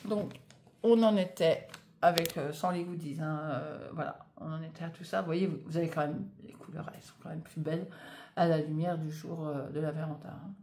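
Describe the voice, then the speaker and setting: A woman's voice: low-pitched, fairly even intonation, a little fast, mellow. Lady rambling about yarn in her conservatory, lots of euhs, slight background hiss. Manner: chatty, hesitant, many fillers, apologizes for stumbling. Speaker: knitting vlogger. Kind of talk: casual vlog chat, unboxing yarn. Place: home conservatory.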